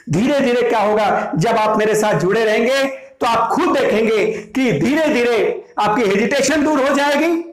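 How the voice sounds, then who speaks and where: A slow-speaking Indian man with a very high voice, teaching spoken English to a class. He explains each point patiently, repeating it in Hindi. His voice sounds echoey in a roomy classroom. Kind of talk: classroom language lesson. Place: classroom with students.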